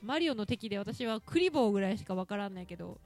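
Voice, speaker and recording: A woman's voice: medium pitch, animated, fast talker, a little mellow, soft background music. A woman with an Ehime accent hosting a casual talk show, chatty and teasing and laughing often. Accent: Ehime Japanese. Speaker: podcast host talking with her daughter. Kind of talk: casual talk radio chat.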